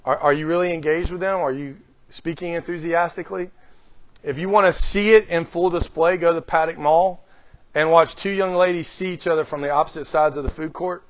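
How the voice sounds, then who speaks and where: A middle-aged man delivers a motivational leadership talk to a small live group, often throwing questions at them. His voice sits a bit higher than most men's, on a dry, dull lo-fi recording with no room sound. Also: no echo. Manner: lively, questions the audience often. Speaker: guest speaker.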